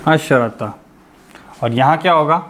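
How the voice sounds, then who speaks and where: A man's voice: on the high side, unhurried, fairly bright tone, slight background noise. A man teaching a grammar lesson over an online class. He explains step by step, asking the class questions and then answering them himself.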